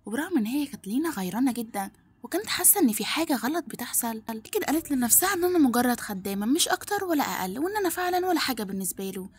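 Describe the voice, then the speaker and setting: A woman's voice: high-pitched, very animated, racing, a little hiss or hum. A woman with an Egyptian accent recapping a drama plot in run-on storytelling. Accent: Egyptian Arabic. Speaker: narrator.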